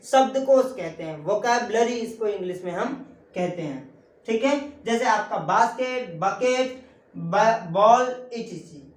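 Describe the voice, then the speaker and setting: A woman teaching English grammar in an online lesson, asking the class a question after each point and answering it herself. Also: on the high side. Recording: echoey room.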